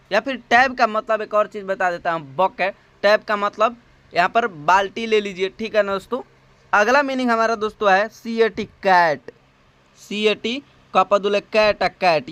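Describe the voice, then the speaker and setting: A man with a high, clear voice gives a patient spelling and pronunciation lesson. He spells each word out letter by letter, repeats it and asks his viewers questions. He is recorded close on a phone in a dry space. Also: fairly bright tone, no room sound. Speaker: English teacher.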